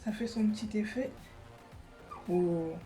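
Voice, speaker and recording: A woman's voice: medium pitch, slow, warm tone, soft background music. A young woman chatting casually in her living room during a wig try-on vlog, hesitant and full of fillers and restarts. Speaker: beauty vlogger.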